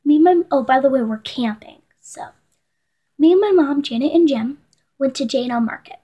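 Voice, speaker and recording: A teenage girl with an American accent and a high, soft-toned voice reads aloud casually from a diary. She sounds embarrassed and self-mocking, breaking off for chatty little asides. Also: lively intonation, normal speed. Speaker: vlogger. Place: small indoor room at home.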